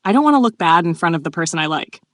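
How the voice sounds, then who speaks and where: A woman reading the part of a flustered, playful young noblewoman in a bright, raised voice. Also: on the low side, expressive, racing, no room sound, clean studio sound.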